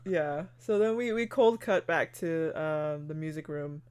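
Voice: mid-range voice, measured pace, a little mellow, clean tone. A podcast co-host in casual chat, retelling an anime episode step by step with lots of fillers like "like" and "you know". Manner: narrates plot steadily with fillers like "like" and "you know".

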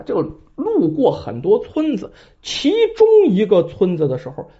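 A storyteller narrating a bandit tale in a dramatic traditional style, with chatty asides to the listener. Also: medium pitch. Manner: lively, dramatic, conversational asides. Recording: dull lo-fi recording.

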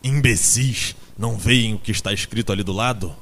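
A man voicing a grumpy old male donkey who shouts in alarm, in an audiobook. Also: mid-range voice, unhurried, slight background noise, natural voice. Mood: exasperated. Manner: urgent shouting.

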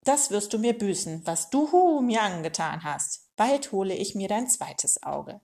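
A woman's voice: mid-range voice, animated, moderate pace, vocal fry, warm tone. A woman voicing a vengeful, scarred male desert owl with a mocking hoot. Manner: mocking hooting.

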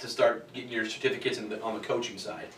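A man's voice: on the low side, steady tone, fast talker, recorded from a distance, a little hiss or hum. A man in his forties hosting an interview, chatty and rambling, full of "you know". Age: 40s. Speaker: interviewer, host. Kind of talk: conversational interview. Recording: echoey room, voice off-mic.

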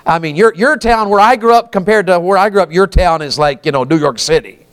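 Folksy male preacher, 50s, smooth and slightly high voice, keeps asking the pews questions. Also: fairly quick. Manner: folksy, asks the congregation questions often. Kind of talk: sermon.

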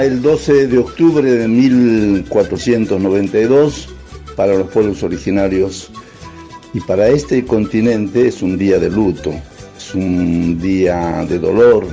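A man from Bolivia giving a slow, solemn, deliberate recorded statement as a guest. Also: lowish voice, gravelly, dark tone.

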